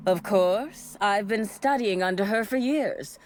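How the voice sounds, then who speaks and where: A woman voicing a devoted female cult assistant in a game, giving a chipper pitch that sags into tired resignation. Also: a little slow, natural voice. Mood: resigned. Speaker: voiced game character.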